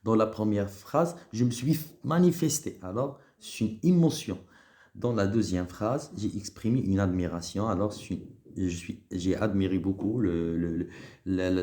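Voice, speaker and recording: A man's voice: lowish voice, warm tone. A male schoolteacher giving a patient recorded grammar lesson to pupils, often repeating and restarting words as he explains.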